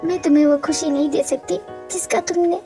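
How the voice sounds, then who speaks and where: A woman's voice: high-pitched, fairly even intonation, fairly quick, music in the background, lightly acted. A woman voicing a heartbroken young wife who pleads tearfully and emotionally in a fan-dubbed romantic audio drama. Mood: pleading.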